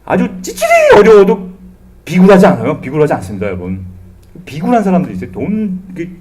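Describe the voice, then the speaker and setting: A middle-aged man delivers a Sunday sermon from a church pulpit. His fairly high voice swoops widely as he acts out quoted people and drops in humorous asides. The tone stays lively and conversational. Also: fast talker, a crowd in the background. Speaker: pastor. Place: church sanctuary.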